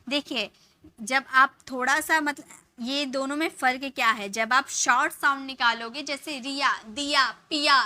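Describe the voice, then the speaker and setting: A woman's voice: high voice, steady tone, normal speed, sharp tone. A woman teacher giving a patient spoken lesson, spelling out each letter and sound one at a time. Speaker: English teacher.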